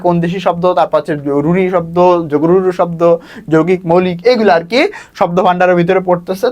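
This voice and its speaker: A young man, coaching students through exam topics in a brisk tone and calling them brother. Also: high voice. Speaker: admission test tutor. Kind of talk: exam prep lesson.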